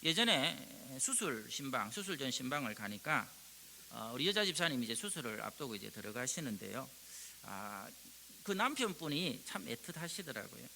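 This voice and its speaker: A male pastor, delivering a sermon and acting out prayers with sudden rises in pitch and volume. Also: very animated, normal speed, creaky, pushed and bright. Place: church sanctuary. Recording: long reverb with faint hiss.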